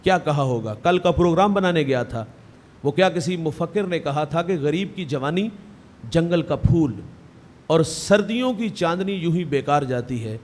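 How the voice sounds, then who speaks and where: Impassioned higher-pitched male preacher. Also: expressive, darkish tone. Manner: emotive, rhythmic preaching, dramatizing quoted voices. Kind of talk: Urdu religious sermon with storytelling.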